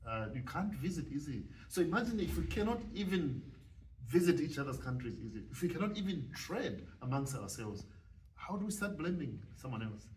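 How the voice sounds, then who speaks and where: A man's voice: fairly high pitch, sing-song, darkish tone. Zambian man speaking on a panel. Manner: thoughtful, halting with many fillers. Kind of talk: panel discussion. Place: event hall at a panel discussion. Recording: distant mic, faint room noise.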